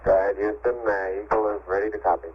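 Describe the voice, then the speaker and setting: A man's voice: on the low side, little pitch movement, fast talker. A man speaking from a spacecraft over a crackly two-way radio, in terse call-and-response exchanges. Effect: crackly two-way radio transmission. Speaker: astronaut in a spacecraft. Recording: tinny, noisy archival radio link.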